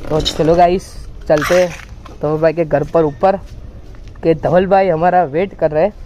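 A man's voice: fairly high pitch, fairly even intonation, a little slow. A young man narrating a casual motorbike vlog, chatting to his viewers as he rides along outdoor roads. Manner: chatty, addresses viewers as guys. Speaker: vlogger. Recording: loud road and traffic noise.

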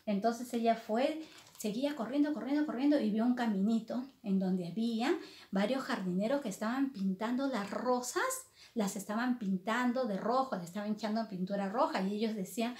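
Animated woman telling children a story. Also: a little high, normal speed, echoey room. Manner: animated, addresses children by name.

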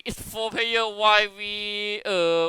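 A man chatting casually while gaming with friends, swearing now and then and slipping into halting, broken English. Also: sits high, completely flat delivery, sharp tone, smooth. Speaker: gaming video player. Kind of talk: excited casual gameplay chat with friends. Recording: noisy gaming voice chat with clicks.

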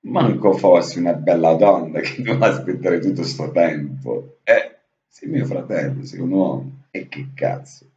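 A man talks in a casual, heartfelt monologue, circling back to the same words and dropping the odd swear. His voice sits very low and dark. The recording is dull and lo-fi, with a roomy echo. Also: moderate pace. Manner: affectionate, repetitive, swears casually. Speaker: vlogger speaking to his absent brother. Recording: dull lo-fi audio in an echoey room.

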